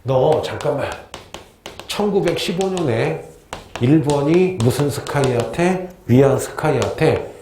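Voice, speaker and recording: A man's voice: fairly high pitch, animated, unhurried, dark tone, echoey room, slight background noise. A male teacher voicing a personified nation as a sly man who coaxes a rival with smug offers during a lesson. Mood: coaxing. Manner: coaxing, smug.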